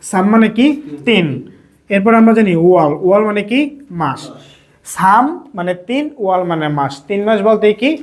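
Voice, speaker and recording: A man from Bangladesh teaching a language lesson, asking questions and answering them himself with lots of repetition. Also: sits high. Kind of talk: classroom lesson.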